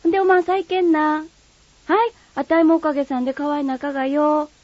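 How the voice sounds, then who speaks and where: A woman's voice: high voice, fairly quick, no room sound, voice pushed up, close to an everyday voice. A woman voicing a chatty Kagoshima local woman, talking with a neighbor in broad dialect. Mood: gossipy. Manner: broad dialect, lively and exclamatory. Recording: slightly muffled dry recording.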